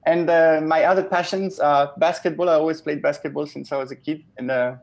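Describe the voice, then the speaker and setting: A man in his thirties from Switzerland, a web developer, talking in a relaxed, chatty and enthusiastic way as a guest on a video call from a small home office, speaking into an earphone headset. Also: on the high side, a little fast, vocal fry, highs cut off. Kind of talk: casual video-call interview.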